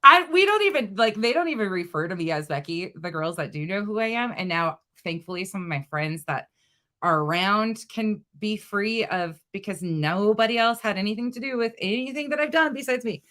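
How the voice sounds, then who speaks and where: Reading comments during a casual livestream chat, a middle-aged host from North Dakota speaks with a medium pitch, a little fast. Her light regional accent comes through as she swears a lot and stays blunt and animated.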